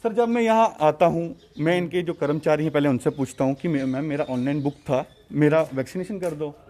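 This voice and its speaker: A man's voice: fairly high pitch, fairly quick, dark tone. A man in his twenties telling a reporter how he was treated, agitated and switching between Hindi and English. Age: 20s. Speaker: interviewee, patient's son. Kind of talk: on-camera interview.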